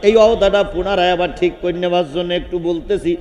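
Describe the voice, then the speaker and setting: A man preaching a Bengali waz sermon at an outdoor gathering, telling stories with animated force, shouting at the peaks and questioning the crowd through a microphone. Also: high-pitched, a little fast, in a large hall.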